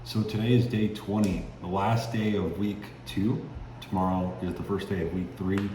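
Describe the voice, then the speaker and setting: Deep-voiced man talking with a sore jaw. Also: fairly even intonation, normal speed, dark tone. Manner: stiff, restricted mouth movement from a sore jaw after surgery; laid-back, addresses viewers as guys with tags like okay and right. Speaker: vlogger. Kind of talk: casual video diary. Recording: echoey, noisy self-shot recording with background rumble.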